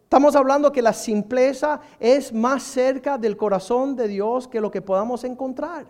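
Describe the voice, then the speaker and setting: A man preaching a sermon, emphatic and building to fervent shouting. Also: very high-pitched, moderate pace.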